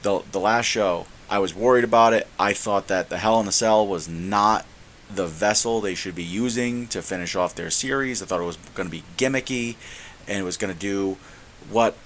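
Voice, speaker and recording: A man's voice: fairly low pitch, normal speed, a bit bright, a little hiss or hum. A man co-hosting a wrestling podcast, chatting in an easygoing, somewhat rambling way. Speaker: podcast co-host. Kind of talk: casual chat.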